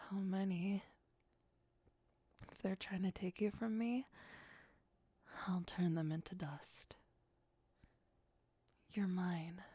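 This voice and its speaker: The vampire girlfriend, played by a woman in this ASMR roleplay, whispers and breathes her words slowly and softly, coaxing sweetly with menace beneath her obsessive, darkly playful affection. This time her mid-range voice is heavily acted and the mood is possessive and tender. She's very close on a dry microphone.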